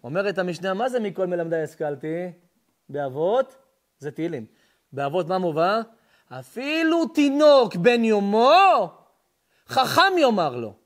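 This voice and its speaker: Rabbi preaching, very high voice, swings wildly in pitch, asks and answers his own questions. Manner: rhetorical questions answered himself, lively and emphatic. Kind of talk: sermon lesson.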